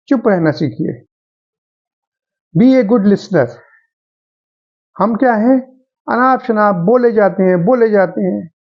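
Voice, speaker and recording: A man's voice: high voice, highs cut off. A man giving a motivational talk, speaking earnestly and addressing his listeners as friends.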